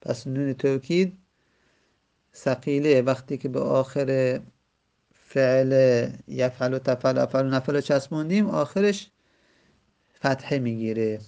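In a muffled recording, a man with a medium-pitched, gravelly yet smooth and dark voice teaches Arabic grammar. He goes slowly, repeating words, lingering over examples and using many hesitant fillers.

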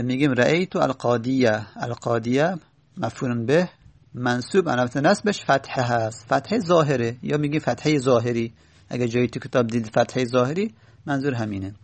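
A man teaching Arabic grammar, explaining each point patiently and repeating key phrases slowly. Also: mid-range voice, vocal fry, dry recording.

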